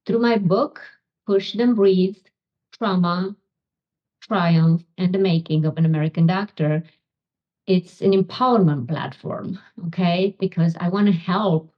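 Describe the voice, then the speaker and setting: A Romanian-born woman in middle age answers interview questions at a very unhurried pace, pausing often with ums. Her voice sits a little low, and the recording sounds dull and lo-fi. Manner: slow, halting, many ums. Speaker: guest, physician and author.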